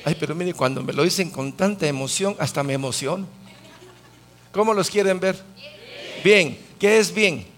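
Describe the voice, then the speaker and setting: Male preacher, a touch high, lively and questioning in his Bible teaching. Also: brisk. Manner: asks the audience questions, lively.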